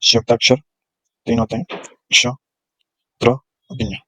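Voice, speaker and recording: A man's voice: mid-range voice, fairly even intonation, unhurried, sharp tone, no room sound, rough recording. A male teacher giving a grammar lesson, explaining patiently and sounding out letters one at a time. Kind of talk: classroom lecture on grammar.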